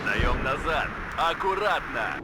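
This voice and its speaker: A man's voice: sing-song, slow. A man playing an eager Soviet army soldier in a war game, barking clipped combat reports and orders. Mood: brisk, alert. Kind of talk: shouted military unit responses in a war game. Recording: very noisy, vehicle rumble behind.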